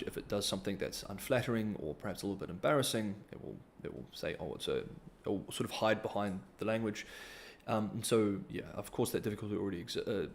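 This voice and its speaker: Reading out donor comments on a casual livestream Q&A, a New Zealand host speaks in a fairly low, slightly mellow voice. He's hesitant, full of ums and restarts, and there's a bit of background noise.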